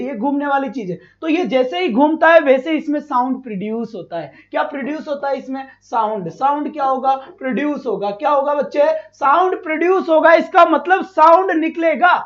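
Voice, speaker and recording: A man leads a live online exam-prep class in a high, light voice. He repeats every point, fires questions at his students and keeps praising them. The stream audio is dull and muffled. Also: fairly bright tone. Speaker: teacher.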